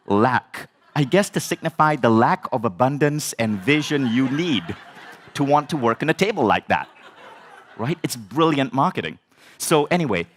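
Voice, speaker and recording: A man from Malaysia telling a personal story as a motivational speaker, animated and candid, with casual swearing. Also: on the low side.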